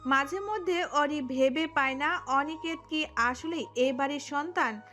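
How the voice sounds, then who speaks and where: A woman narrating a romantic audio story in an expressive storytelling manner. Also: sits high, a little slow, faint music behind.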